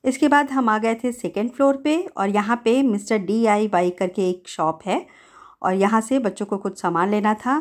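A middle-aged woman gives a relaxed, chatty voice-over for her family's outing, linking each step with easy storytelling. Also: medium pitch, moderate pace, soft background music. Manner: chatty, easygoing storytelling with many "to" linkers. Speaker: family vlogger.

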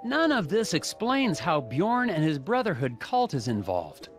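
Awkward high-voiced cartoon agent. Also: male voice, wildly swooping pitch, measured pace, faint music behind. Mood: puzzled. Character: earnest, awkward, by-the-book male FBI puzzle agent. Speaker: detective in a puzzle video game. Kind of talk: cartoon game dialogue and noir-like narration.

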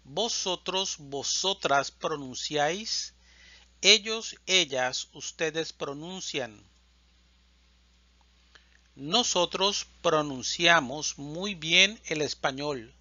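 Brief: male language teacher, very slow, careful enunciation of each form, slightly higher voice, dry and slightly dull recording. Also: sharp tone, no echo. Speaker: Spanish teacher. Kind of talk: slow, deliberate conjugation drill.

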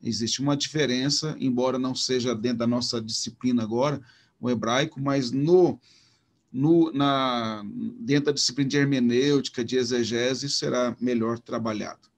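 In a recorded online lecture, a man with a Brazilian Portuguese accent teaches Hebrew, pointing things out on slides. He speaks haltingly with many restarts, in a steady, medium-pitched voice.

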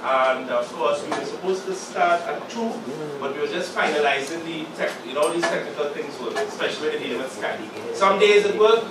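Moderating a panel in a small meeting room, a man in his forties with a cold-induced sore throat gives measured opening remarks to a live audience, halting often with pauses and fillers. His pitch is fairly high, and a noisy crowd is audible. He speaks into a podium mic but is captured from the back of the room, so it sounds echoey and far off.

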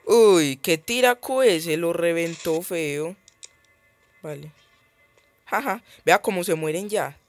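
A man's voice: a little high, slow pace, pauses often, faint music behind. A man giving casual gameplay commentary as he plays a mobile game, chatty and thinking aloud, easily startled.

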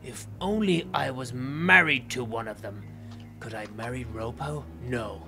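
A man's voice: mid-range voice, unhurried, gravelly, pushed and bright, soft background music, full character voice. A man voicing a scheming, greedy villain in a game roleplay, muttering sing-song lines and cackling. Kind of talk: Minecraft roleplay voice acting.

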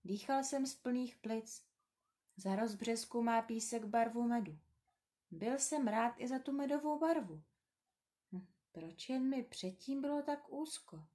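A woman reading a children's story aloud, gentle, slow and tender. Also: a little high, animated.

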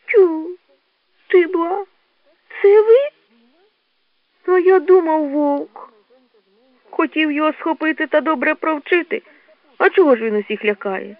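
A woman voicing a boastful young male badger cub who talks shrill and excitable. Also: measured pace, long pauses, no room sound. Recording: tinny lo-fi dry recording.

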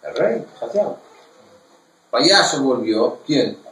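A man teaching a Torah class, reading verses in Hebrew and explaining them in an animated way. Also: medium pitch, takes it slowly, echoey room, far from the mic, slight background noise, low-quality recording.

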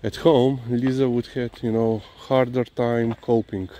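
In this casual walk-and-talk vlog, a Slovenian-accented dog owner speaks in a rambling, halting way, frequently using "you know." His voice is medium in pitch, level and warm. He's outdoors on a walk, where the ambience is clearly noisy with vehicles.

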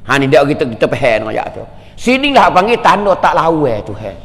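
Brief: man, preacher giving an emphatic, repetitive sermon, high-pitched, long hall reverb. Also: big pitch swings, fairly quick, a bit bright. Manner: emphatic, repetitive, rhetorical questions. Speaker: religious teacher.

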